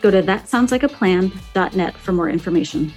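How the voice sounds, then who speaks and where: A woman's voice: lowish voice, expressive, brisk, darkish tone, slightly rough, faint music behind. A woman hosting a podcast interview in a conversational style. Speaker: podcast host.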